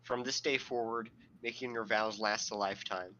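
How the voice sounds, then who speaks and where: A man's voice: lowish voice, fairly even intonation, moderate pace, pushed and bright, muffled recording, slight background noise. A man co-hosting a casual podcast, reading quotes aloud with sardonic asides and frequent laughter. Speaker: podcast co-host.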